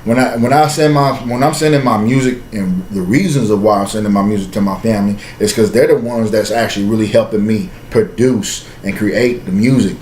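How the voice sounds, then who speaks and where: A man's voice: lowish voice, a little fast, hardly any pauses, a little mellow. A man with an American West Coast accent chatting casually and slangily as a podcast guest, in a laid-back way. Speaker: podcast guest, music artist. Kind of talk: casual chat. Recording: roomy echo, faint background noise.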